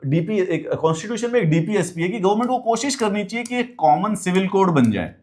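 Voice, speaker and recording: A man's voice: high-pitched, lively intonation, fast, darkish tone. Emphatic man teaching exam prep. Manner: emphatic teacher, repeats key phrases, asks rhetorical questions. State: speaking with a mouth ulcer. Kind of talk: classroom lecture mixing Hindi and English.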